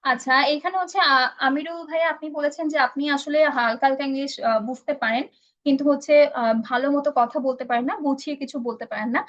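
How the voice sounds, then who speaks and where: A woman's voice: high-pitched, quick pace, a bit bright. A woman instructor answering viewers' questions in a live online English class. She explains patiently, with many fillers, and mixes in English phrases. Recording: dull lo-fi stream audio.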